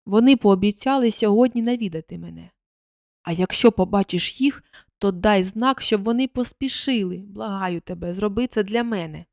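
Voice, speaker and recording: A woman voicing a frightened young wife in a storybook reading, pleading desperately and rising higher as she begs. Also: moderate pace, vocal fry, darkish tone, no room sound, clean studio sound, lightly acted.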